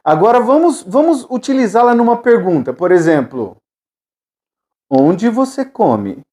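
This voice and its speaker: A Brazilian woman teaching English in an online video lesson, drilling phrases with steady repetition and moving between Portuguese and English. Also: medium pitch, measured pace. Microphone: camera with ring light.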